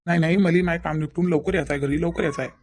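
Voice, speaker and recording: A woman voicing a low, mellow-voiced evasive young fiancé. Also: steady tone, rapid-fire, natural voice. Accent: Vidarbha Marathi. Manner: pleading, dodging, keeps promising to explain later. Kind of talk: cartoon voice acting.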